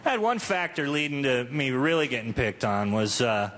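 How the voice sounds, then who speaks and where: With a fairly bright, mid-range voice and lively intonation at normal speed, a man in his thirties works a live comedy audience with crude, self-mocking, conversational bits. Crowd noise and ambience fill the club recording.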